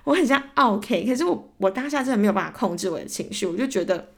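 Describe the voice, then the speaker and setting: With lively intonation and a gravelly, medium-pitched voice, a young woman with a Taiwanese Mandarin accent talks fast on her solo podcast. In casual ranting storytelling, she acts out both sides of arguments animatedly, becoming heated and exasperated as she retells.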